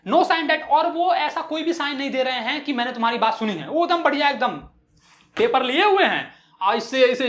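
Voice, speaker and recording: A woman's voice: high-pitched, a bit bright, reverberant. A woman teacher explaining an English chapter line by line in Hindi, mixing in English phrases and acting out the characters' lines.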